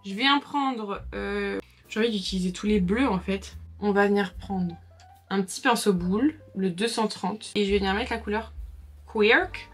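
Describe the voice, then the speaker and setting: Chatty young woman, slightly husky voice. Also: medium pitch, normal speed. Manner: chatty, filler-heavy, talks to viewers while working. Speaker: makeup vlogger. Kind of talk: casual makeup tutorial chat. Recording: faint background music.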